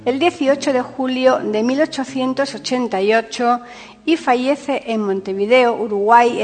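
A woman hosting a podcast, reading scripted narration in a measured, formal announcing manner. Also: a little high. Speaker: podcast host. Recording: long reverb, music bed.

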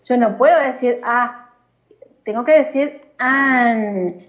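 A woman's voice: fairly high pitch, slow, highs cut off. A woman with an Argentine accent, teaching English in a casual podcast lesson and explaining patiently with frequent laughter.

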